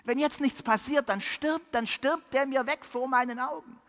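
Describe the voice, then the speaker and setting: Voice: moderate pace, long reverb tail. A preacher acting out the voice of a desperate father begging for his dying son's life. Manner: pleading, high and loud.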